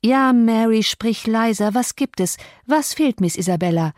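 A woman reading the lines of a stern, wounded gentleman in clipped, controlled speech. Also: a little high, expressive, unhurried, no echo, studio quality. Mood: urgent.

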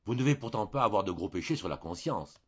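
A man voicing a good-natured country priest who gently coaxes and encourages a hesitant parishioner, read from a storybook. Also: fairly low pitch, animated, quick pace, slightly rough, lo-fi sound. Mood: coaxing. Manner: kindly, coaxing, briefly priestly.

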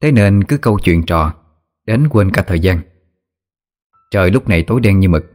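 A man narrating a ghost story in a steady storytelling voice. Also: low voice, normal speed.

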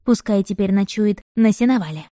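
Mellow-voiced woman narrating a novel. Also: mid-range voice, brisk, no echo, clean studio sound. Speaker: audiobook narrator. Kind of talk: scripted narration.

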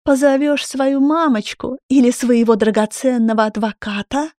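An unhinged, furious young woman, voiced by a woman reading an audiobook, shrieking and mocking. Her voice sits well above the reader's own, with a dark, mellow timbre. The recording is dry and close. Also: steady tone, normal speed, no room sound, lightly acted. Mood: menacing. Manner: shrill, screaming, mocking.

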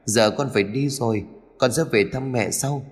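A man's voice: medium pitch, moderate pace, husky, big-room sound. A man voicing the vengeful ghost of a young woman in her twenties, cold and mournful. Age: 20s.

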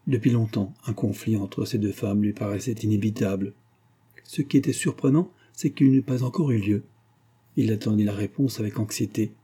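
Dark, husky-voiced male storyteller. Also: fairly low pitch, normal speed. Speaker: audiobook narrator. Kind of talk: scripted narration.

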